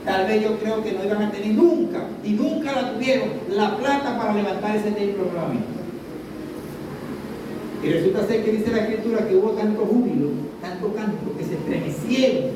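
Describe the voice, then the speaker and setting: High-voiced pastor preaching in an echoey hall. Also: male voice, normal speed. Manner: emphatic, repeats "escuche bien" to the congregation. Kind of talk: sermon. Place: church hall. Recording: echoey church room from far off, noisy.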